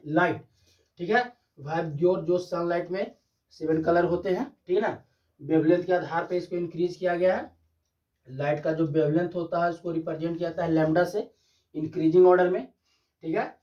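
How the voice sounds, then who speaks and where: A man teaching a physics class, asking and answering his own questions and slowly dictating definitions. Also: sits high. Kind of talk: classroom lecture. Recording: dull distant classroom recording.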